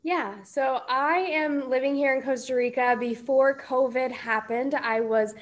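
A woman in her thirties from Iowa, a yoga teacher, tells her story as a podcast guest. She talks in a calm, measured, steady way, her voice a bit higher than most women's. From Iowa, United States. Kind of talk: casual interview answers.

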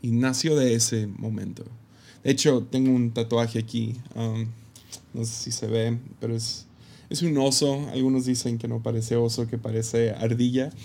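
A man who is a pastor, telling a personal story to camera in a reflective, halting way with many fillers. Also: medium pitch, fairly even intonation, vocal fry, darkish tone. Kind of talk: casual personal testimony to camera.

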